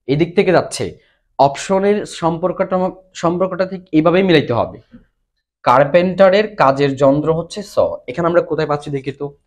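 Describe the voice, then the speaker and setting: A man with a Bangladeshi accent giving an exam-prep English lesson, explaining step by step and mixing English terms into his talk. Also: on the high side. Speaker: English teacher.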